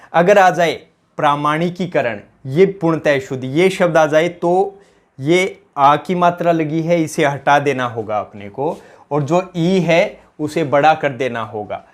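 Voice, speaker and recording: This exam-prep grammar teacher is a man with a Rajasthani accent and a fairly high-pitched voice. He asks each question again to drill the answer home and refers to his students as companions.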